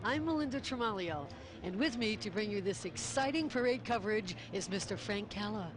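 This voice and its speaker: Clear street noise surrounds an American woman working as a parade commentator. She presents live coverage at a medium pitch, in the style of a television co-host. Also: animated, fairly quick. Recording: noisy outdoor street broadcast, traffic ambience.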